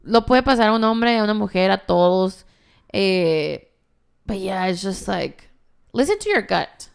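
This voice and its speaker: A woman's voice: mid-range voice, animated, measured pace, creaky, smooth. A woman co-hosting a podcast in casual, bantering chat, slangy and switching between Spanish and English. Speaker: podcast co-host.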